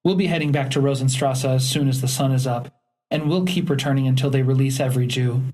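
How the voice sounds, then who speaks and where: Steady, defiant mother in an audiobook, read by a male narrator, soft and low. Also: quick pace, close to an everyday voice. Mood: calm. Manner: calm and firm. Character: calm, defiant mother of a teenage girl.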